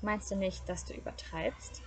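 A woman voicing a poor, timid fisherman who calls a rhyme out over the sea, in a loud sing-song chant. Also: mid-range voice, steady tone, moderate pace, soft background music, lightly acted.

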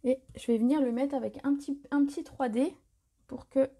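In a live tutorial, a woman demonstrates a paper craft technique, chatty and relaxed. Her voice sits high and is fairly quick with a breathy edge. She often corrects herself and laughs at her slips.

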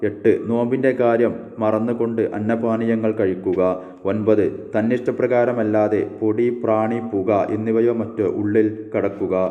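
A man with a low, mellow voice reads a numbered list in a measured, instructive way. A long reverb trails behind every phrase. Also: lo-fi sound.

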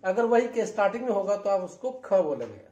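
A man's voice: high-pitched, very animated, dull audio, background noise. Echoey Indian man teaching pronunciation. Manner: repeats words slowly for drill, asks questions. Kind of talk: classroom-style lesson.

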